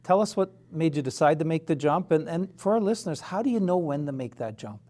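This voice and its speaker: A man's voice: fairly high pitch, lively intonation, brisk, dark tone. A man hosting a business podcast, introducing and questioning his guest in an upbeat, conversational way. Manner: upbeat, friendly, conversational interviewer. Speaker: podcast host. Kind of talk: casual podcast interview.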